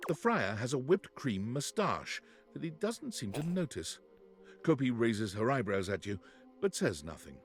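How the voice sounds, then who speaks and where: An actor as a wry narrator reading scripted second-person narration for a video game. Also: male voice, medium pitch, big pitch swings, unhurried. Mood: dry, descriptive. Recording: music behind the voice.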